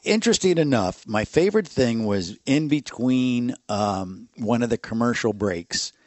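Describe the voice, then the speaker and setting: A man's voice: mid-range voice, lively intonation, unhurried, darkish tone, no echo. A middle-aged man co-hosting a sports podcast, easygoing and joking. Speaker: podcast co-host. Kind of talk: casual chat.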